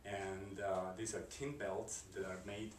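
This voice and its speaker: A man from Slovakia with a Slovak accent, a composer answering interview questions in a halting way, with many fillers and restarts. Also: low-pitched, level tone. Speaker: composer and curator. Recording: roomy, distant mic, noisy background.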